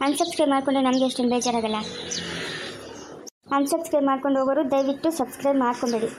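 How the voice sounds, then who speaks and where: A woman's voice: high voice, very fast, noisy background. A woman hosting her own channel, making a resigned, pleading appeal to viewers, with a Kannada accent from the Chikkaballapur region. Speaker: channel host.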